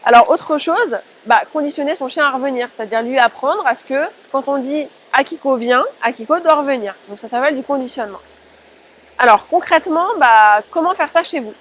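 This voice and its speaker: A woman's voice: sits high, brisk, fairly bright tone. A woman giving an informal spoken tutorial as a dog-training presenter, explaining step by step and addressing listeners directly.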